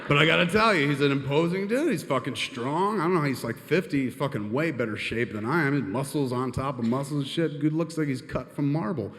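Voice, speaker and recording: A man telling a comic anecdote on stage in an animated, profane, rambling, self-mocking way. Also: fairly high pitch, fairly quick, few pauses, long reverb tail. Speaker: storyteller on stage.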